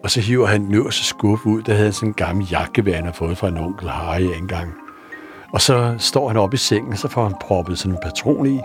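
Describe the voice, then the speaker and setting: A man's voice: fairly low pitch, soft background music. A man telling a rambling first-person anecdote, chaining events with "and then". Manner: rambling, chatty, many "og så" links. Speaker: storyteller.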